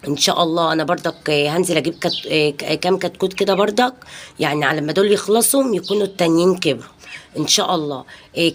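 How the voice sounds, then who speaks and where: An Egyptian-accented woman in her thirties talks quickly in a casual home vlog, with a slightly low voice. She rambles warmly from one thing to the next and sprinkles her chat with religious blessings. Faint noise sits under her voice. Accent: Egyptian Arabic. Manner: chatty and rambling, peppered with pious blessings. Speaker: home vlogger and mother. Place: home balcony.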